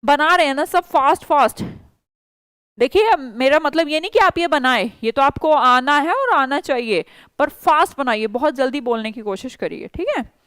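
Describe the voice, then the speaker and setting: A woman teaching a spoken English class online, coaxing her learners to answer faster. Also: high voice, animated, a bit bright, dry recording.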